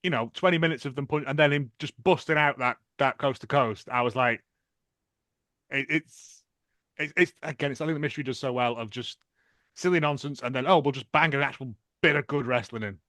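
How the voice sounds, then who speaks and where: A man hosting a podcast in casual chat, excitable and rambling with repeated restarts. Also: medium pitch, brisk, dry recording, clean studio sound. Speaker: podcast host.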